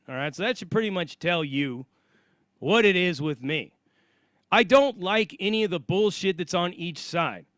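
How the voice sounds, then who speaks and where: A man's voice: high-pitched, fairly bright tone, no echo, studio quality. A middle-aged American man giving an opinionated casual monologue in a blunt, emphatic, swearing manner. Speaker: online commentator.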